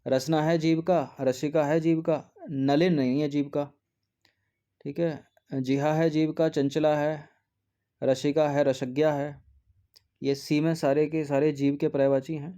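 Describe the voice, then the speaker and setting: As an exam prep teacher, a man with a fairly high, mellow voice works through test questions one by one. His delivery is flat and measured as he patiently explains each answer, checks in with listeners, and says "theek hai" often.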